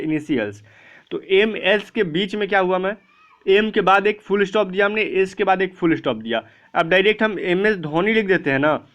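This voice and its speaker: A man's voice: sits high, a bit bright. A man teaching an online English class for exam prep, explaining step by step and asking and answering his own questions.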